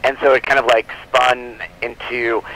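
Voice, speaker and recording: The guest, a comic book publisher, delivers his words flatly at a moderate pace, his mid-range voice bright and forceful. Over a noisy phone call, his casual interview chat wanders, studded with "like" and "you know."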